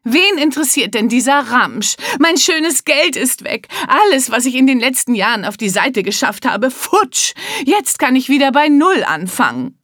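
A woman voicing a hot-tempered, rude rich man who shouts in outrage. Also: a little high, big pitch swings, a little slow, no room sound, studio quality, pitched above the performer's own voice. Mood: furious. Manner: shouting, indignant.

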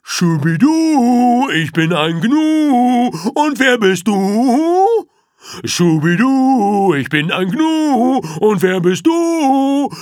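A man's voice: extremely high pitch, very animated, very slow, a little mellow, dry recording, clean studio sound, voice pushed up, heavily acted. A man voicing a cheerful, unflappable gnu with a chirpy sing-song manner in a children's audiobook. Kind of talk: audiobook character voice.

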